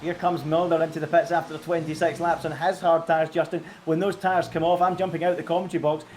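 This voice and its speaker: A man's voice: on the high side, little pitch movement, fast, darkish tone, slight background noise. A man giving co-commentary and analysis on a live esports race, chatty and fond of rhetorical questions.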